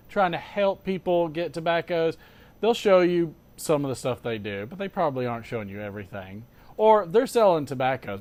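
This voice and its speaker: A man hosting a casual show, chatting as an animated storyteller with sarcastic asides, emphatic repetition and rhetorical questions. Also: a little high. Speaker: host of a pipe-smoking show. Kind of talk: casual chat.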